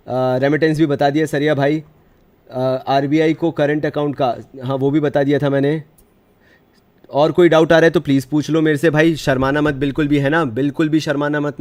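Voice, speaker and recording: A young man teaching a live online commerce class, switching easily between Hindi and English. He speaks in a friendly, reassuring way, answering his students' chat questions and calling them brother. His voice sits at an ordinary middle pitch. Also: a little mellow. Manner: mixes Hindi with English phrases.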